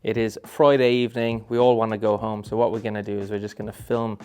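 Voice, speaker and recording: A man's voice: fairly low pitch, little pitch movement, fast, a little mellow, smooth. A man answering questions on camera in a casual, joking way, laughing easily.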